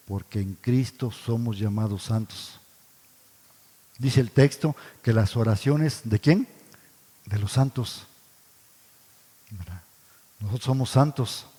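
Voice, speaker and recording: A man's voice: medium pitch, dark tone. A man teaching a Bible study sermon, asking his listeners questions and answering them himself, often calling them brothers. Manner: addresses listeners as brothers, frequent tag questions. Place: church. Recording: church hall with long reverb.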